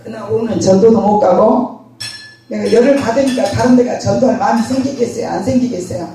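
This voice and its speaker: Older woman pastor, lively storyteller, mellow voice, very echoey far-off sound. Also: on the high side, quick pace, soft background music. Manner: animated storytelling, acts out scenes. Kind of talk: sermon. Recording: very echoey hall, distant mic.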